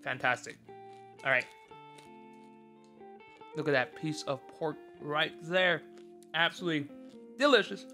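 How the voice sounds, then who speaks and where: A man's voice: on the high side, a little slow, pauses often, bright, forceful tone, soft background music. A man recording a casual food vlog, talking with his mouth full while chewing, chatty and upbeat as he savors the food. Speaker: food vlogger. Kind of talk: casual mukbang chat.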